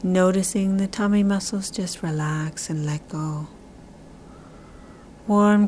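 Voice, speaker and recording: A woman guiding a relaxation meditation in a soft, soothing, breathy half-whisper, with slow, drawn-out, repetitive phrasing. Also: lowish voice, slight background noise. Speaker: relaxation guide.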